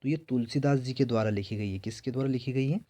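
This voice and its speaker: A man's voice: mid-range voice, fast, dark tone. A male teacher going through exam questions, asking each one aloud and then answering it himself. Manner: repetitive, quizzing himself and answering. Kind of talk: exam-prep lesson.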